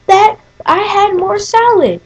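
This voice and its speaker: A young-sounding woman voicing a whiny, lying schoolboy in a high mocking squeal. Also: lively intonation, slow pace, exaggerated voice. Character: whiny tall schoolboy, lying and hot-tempered.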